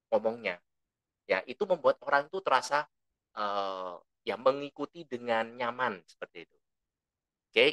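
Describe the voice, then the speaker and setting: Male trainer, bright mid-pitched voice, dry close sound, relaxed lecturing delivery that leans toward loudness. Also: no room sound. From lived abroad for a long time. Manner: relaxed, explanatory, tags sentences with "ya"; says his own volume tends to run loud. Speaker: presentation skills trainer.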